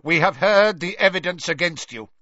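A man's voice: mid-range voice, very animated, measured pace, fairly bright tone, no room sound, voice pushed up. A man voicing a cold, stern official pronouncing judgment in a court, in a dull, dry recording. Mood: commanding. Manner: cold, commanding.

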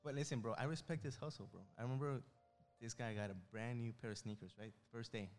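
A young man with a medium-pitched voice banters as a co-host. His talk is casual, full of slang and friendly ribbing, and music is clearly heard beneath it. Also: fairly even intonation, fast, a little mellow. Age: young adult. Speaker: podcast co-host.

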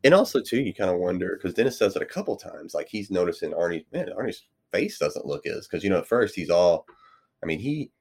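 A man's voice: sits low, very animated, fairly quick, creaky, husky. A man co-hosting a podcast, chatting casually about a novel, rambling with lots of fillers. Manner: rambling, many fillers like "you know". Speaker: podcast co-host. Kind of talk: casual book discussion.

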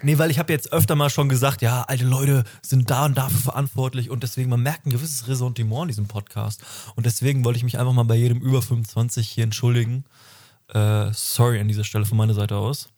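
This podcast co-host, a man in his twenties, talks fast with a mid-range, darkish voice and fairly even intonation. He rambles through casual chat, correcting himself and frequently laughing.

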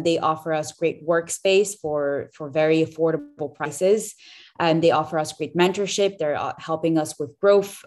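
Upbeat low-voiced young woman guest. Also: darkish tone. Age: 20s. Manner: chatty and upbeat, many fillers and restarts. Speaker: startup founder guest. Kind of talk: casual podcast interview.

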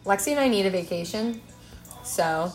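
A woman's voice: mid-range voice, lively intonation, moderate pace, faint music behind. Young female co-host, chatty and giggly, recorded in a roomy space. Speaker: co-host of a cider tasting show. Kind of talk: casual chat. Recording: roomy echo.

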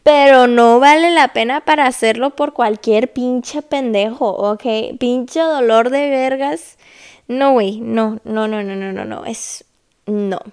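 A young woman with a Mexican accent tells her story in a blunt, salty, casual way, dropping English phrases in as she goes. Her voice sits fairly high for a woman. It has a gravelly edge of vocal fry but stays smooth and clear. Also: slow pace, a little mellow. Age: young adult. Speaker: vlogger.

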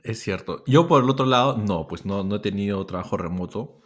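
A man's voice: on the low side, a little fast. A man co-hosting a podcast in casual chat, easygoing and agreeable. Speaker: podcast co-host.

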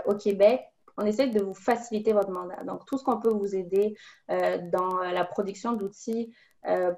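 A woman in her twenties, a student advisor, answering interview questions in a clear, upbeat way with frequent fillers. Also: mid-range voice, darkish tone. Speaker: guest, professional order student advisor.

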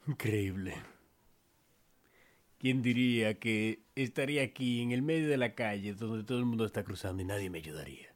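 A man's voice: lowish voice, moderate pace. A man co-hosting a casual podcast, telling improvised stories in a playful, teasing way. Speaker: podcast co-host.

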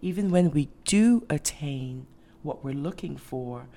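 A woman's voice: sits low, animated, unhurried, warm tone. A woman from Ghana hosting a faith podcast, talking earnestly and with many ums and restarts. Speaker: podcast host. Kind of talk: casual faith podcast monologue.

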